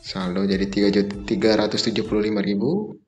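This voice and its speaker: A man's voice: lowish voice, steady tone, quick pace, a little mellow. Brief: casual male gaming streamer, chatty with viewers, game music under him. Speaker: gaming YouTuber. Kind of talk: casual let's-play commentary.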